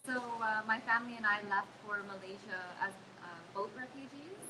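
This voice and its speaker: A woman chef, born in Vietnam and raised in Canada, answers interview questions. She speaks softly and hesitantly and often pauses on "um." A crowd can be heard clearly behind her. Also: on the high side, poor audio. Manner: soft, hesitant, many ums. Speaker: chef and guest.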